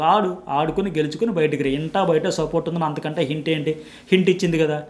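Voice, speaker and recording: A man giving a casual spoken review of a TV episode, animated, repeating words for emphasis and acting out what people said. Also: on the high side. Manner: acts out quoted family talk. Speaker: TV show reviewer.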